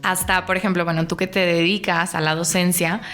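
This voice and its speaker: A woman's voice: lowish voice, little pitch movement, brisk, fairly bright tone, faint music behind. Woman chatting on a podcast. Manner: agreeable, explains with everyday examples. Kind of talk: casual podcast discussion.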